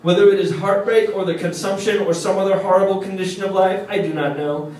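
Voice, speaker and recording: A man reading a comic, profane book report to a live audience at a bar, sarcastic and deadpan. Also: high-pitched, fast. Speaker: reading host. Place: bar venue. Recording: echoey room from far off.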